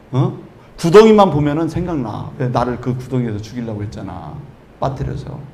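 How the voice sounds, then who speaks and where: A man's voice: a little high, darkish tone. A middle-aged man preaching a sermon in a church, emphatic and full of rhetorical questions. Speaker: pastor. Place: church sanctuary.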